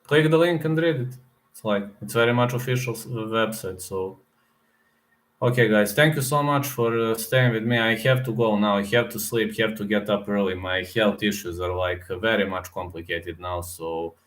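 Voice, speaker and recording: Reading the chat aloud, a Serbian-accented streamer chats casually about fight picks, speaking English at a moderate pace into his desk microphone. His voice sits fairly low, and he addresses viewers directly, saying things several times with plenty of "uh"s.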